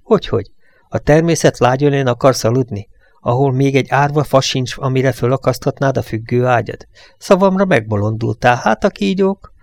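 A man voicing a panicky, worn-out truck driver who pleads in a shrill, frantic voice. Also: creaky, a little mellow, close to an everyday voice.

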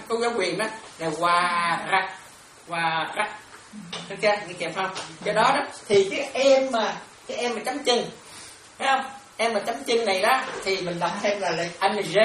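A Buddhist nun teaches a dharma class, explaining Pali terms and stopping often to check that listeners keep up. She repeats words as she works through each point. Her voice comes from some distance in an echoey room with clear ambient noise behind. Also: medium pitch. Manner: repetitive, keeps checking if students follow.

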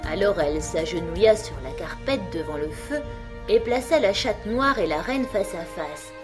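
A woman reading a storybook aloud in a calm, measured narrating voice. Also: medium pitch, music in the background. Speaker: audiobook narrator. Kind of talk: scripted narration.

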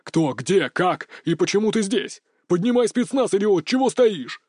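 Guy putting on a hotheaded mafia boss, yells and curses, dry sound. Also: high-pitched, lively intonation, moderate pace, breathy edge, no echo, pitched above the performer's own voice. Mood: furious. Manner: roaring, swearing outbursts. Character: hot-tempered male mafia boss, middle-aged, crude.

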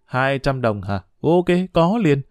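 A man's voice: mid-range voice, expressive, takes it slowly, no room sound. Man doing a cocky schoolboy, swaggering, mocking, boastful, dry close sound. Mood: excited.

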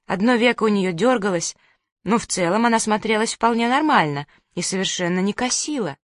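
A woman's voice: mid-range voice, fairly quick, no room sound. Woman reading an audiobook, dry sound. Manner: lively, expressive storytelling. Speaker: audiobook narrator. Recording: dry close studio sound.

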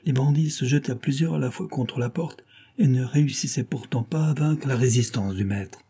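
A male audiobook narrator reads a pulp adventure in steady, even sentences. His voice is dark and mellow, with a husky edge. The pitch sits in an ordinary middle range. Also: normal speed. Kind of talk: scripted narration.

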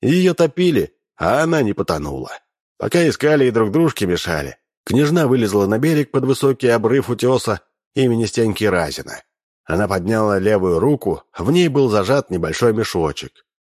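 A man narrating an audiobook, reading with lively energy and raising his voice for the characters' shouts. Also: on the low side, moderate pace, dry recording, studio quality.

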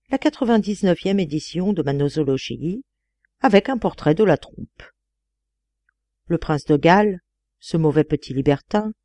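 A woman narrating a literary audiobook in a deliberate, expressive reading. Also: fairly low pitch, no room sound. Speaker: audiobook reader.

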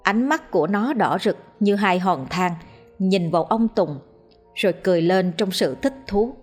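A woman reading out a ghost story in a steady, dramatic way as the storyteller. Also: mid-range voice, normal speed, faint music behind. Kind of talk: scripted ghost story narration.

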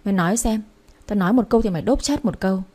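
A woman's voice: mid-range voice, rapid-fire, dark tone, husky, close to an everyday voice. A woman voicing a harsh older mother-in-law who berates her daughter-in-law in a spoken story. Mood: scolding.

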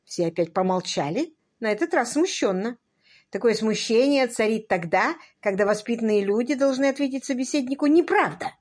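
A woman's voice: fairly high pitch, animated, brisk, a little mellow. Woman narrating an audiobook with verve. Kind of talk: scripted narration with voiced characters.

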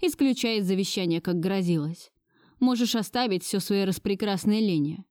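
A woman's voice: mid-range voice, moderate pace, darkish tone, no echo, studio quality, natural voice. Woman voicing a defiant angry grandson. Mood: resolute. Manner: bitter, resolute outbursts. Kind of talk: audiobook dialogue reading.

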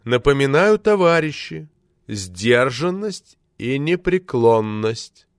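A man reading a novel aloud as an audiobook, with an expressive, theatrical delivery. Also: medium pitch, slow, smooth, dry recording, studio quality. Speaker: audiobook reader. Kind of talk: scripted audiobook narration.

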